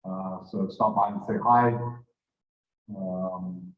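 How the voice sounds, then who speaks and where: A man with a low-sitting voice, steady in tone and slow, makes casual club-meeting announcements, loose and conversational, correcting himself as he goes. He's captured on a handheld mic held at a distance, giving a tinny, echoey, far-off room sound.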